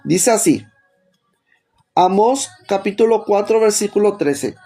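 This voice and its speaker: A man's voice: high voice, animated, unhurried, dark tone, soft background music. A man with a Rioplatense Spanish accent preaching a teaching sermon, stopping often to put rhetorical questions to his listeners.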